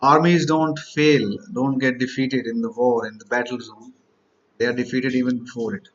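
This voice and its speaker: A man's voice: mid-range voice, steady tone, normal speed, highs cut off. A man, teaching exam candidates in a motivational lecture, stacking up rhetorical questions and repeated lists.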